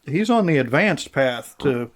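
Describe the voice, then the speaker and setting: A man's voice: medium pitch, lively intonation, measured pace. A man co-hosting a true-crime podcast who bluntly reacts to what he hears with disgust and cursing. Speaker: podcast co-host. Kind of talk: casual true-crime chat.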